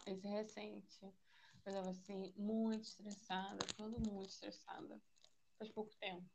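A young woman from Brazil telling her own mishaps in casual chat, laughing as she goes and trailing off softly. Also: mid-range voice. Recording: dull lo-fi with faint noise.

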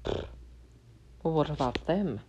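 A woman's voice: deep voice, animated, a little slow, a little mellow, a little hiss or hum, poor audio. A woman voicing a bold young farmer, blunt and demanding in his questions.

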